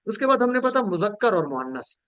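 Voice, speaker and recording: High-pitched man drilling grammar patiently. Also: big pitch swings, a little fast, fairly bright tone, no room sound, dull audio. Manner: patient, repetitive drilling with call-and-response prompts. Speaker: Quran course teacher. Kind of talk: online Quranic Arabic grammar lesson.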